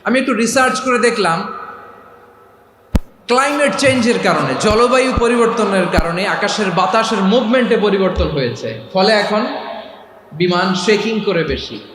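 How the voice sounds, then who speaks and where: A man's voice: high voice, expressive, echoey room, noisy background. A man preaching a sermon to a large gathering, calling out questions and demanding the crowd answer aloud. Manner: chants the dhikr in a drawn-out sung voice.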